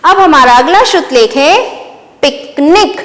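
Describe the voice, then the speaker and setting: In a large hall, a woman teacher leads a slow dictation for young children, patiently spelling each word by syllable and repeating it. Her voice is high, animated and fairly bright.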